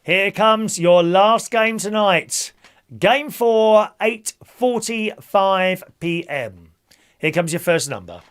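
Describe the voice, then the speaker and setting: A man hosts a bingo night as its caller, in a notably high voice. His pitch leaps about in a sing-song way as he calls the numbers. He is a jokey, chummy showman who mixes rhymes with banter. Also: expressive, slow, a bit bright, clean tone. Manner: chummy, addresses players as gang and my loves.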